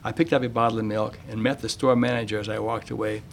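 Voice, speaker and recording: A man hosting a radio show, reading a measured, plain-spoken monologue on parenting and then interviewing a guest. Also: on the low side, flat delivery, gravelly, slight background noise.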